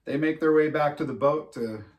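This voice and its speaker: A man's voice: a little high, moderate pace. Rambling man, a bit far from mic. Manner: rambling, laughs at his own jokes. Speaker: podcast co-host. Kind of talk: casual chat.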